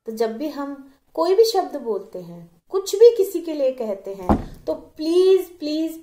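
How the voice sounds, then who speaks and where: A woman's voice: sits high, darkish tone, echoey room. A woman vlogger in an earnest, preachy manner, telling a moral story to her viewers.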